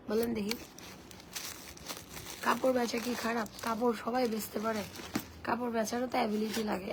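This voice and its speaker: Hoarse, gravelly woman selling on a live stream. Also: on the high side. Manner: chatty and blunt, reads viewer comments aloud. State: hoarse, voice worn from shouting. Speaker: online seller hosting a live sale. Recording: noisy live-stream audio.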